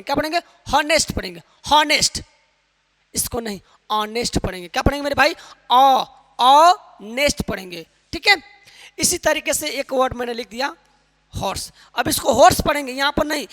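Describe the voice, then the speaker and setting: A man's voice: extremely high pitch, bright, forceful tone. A man from Uttar Pradesh teaching an English lesson. He drills pronunciation with repeated questions and calls his listeners brother. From Uttar Pradesh, India. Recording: long hall reverb.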